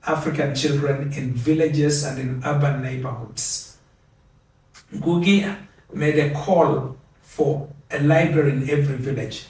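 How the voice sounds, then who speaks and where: An older man from Kenya giving a measured, earnest acceptance speech, repeating key phrases for emphasis. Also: fairly high pitch, a little mellow. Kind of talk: formal speech. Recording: very echoey, from a distance.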